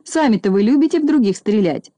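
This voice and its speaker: A woman voicing a bold, quick-tempered small male mechanic in a storybook reading, with a brisk, scolding manner. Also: mid-range voice, expressive, mellow, no echo, lightly acted. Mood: mocking.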